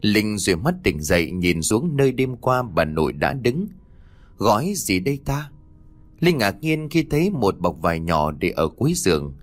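A man's voice: deep voice, big pitch swings, moderate pace, hardly any pauses. A man narrating a scripted horror story with dramatic storytelling.

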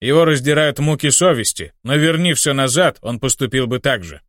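Man voicing a gruff gloating demon. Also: medium pitch, animated, brisk, fairly bright tone, no echo, studio quality, lightly acted. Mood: grim. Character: ancient gloating male demon, grim and blunt.

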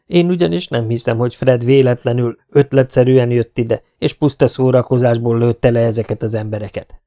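A man's voice: mid-range voice, fairly even intonation, dark tone, close to an everyday voice. A man voicing an angry, stubborn male team leader in an audiobook, heated and defiant. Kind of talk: audiobook character voice.

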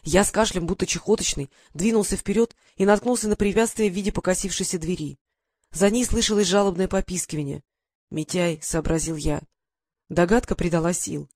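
A man reading a first-person adventure story aloud in steady storytelling style with dramatic lifts. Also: high voice, brisk, no echo. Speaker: audiobook narrator. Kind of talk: scripted first-person narration.

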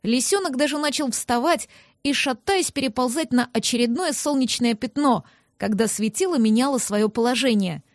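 Woman, audiobook narrator, high voice, dry close sound, expressive first-person telling. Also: moderate pace, no echo.

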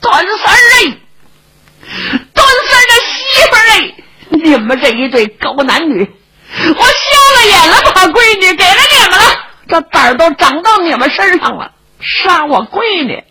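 A woman voicing a furious, grieving old mother who wails and shouts curses in a raspy voice. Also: extremely high pitch, moderate pace, hardly any pauses, voice pushed up, low-quality recording. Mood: wailing fury.

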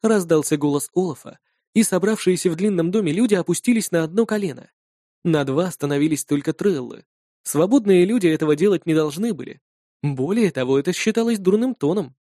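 A man giving first-person narration of a fantasy story in an even, storytelling way. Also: sits high, a little fast, no echo, studio quality. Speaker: audiobook narrator.

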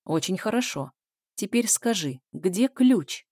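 A cold, cruel man with a scarred face speaks in a low, hissing, menacing voice, as a woman narrator puts him on. His tone stays mellow and dark, and the sound is close and dry, with no room around it. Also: expressive, slow, no room sound. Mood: hissing menace.

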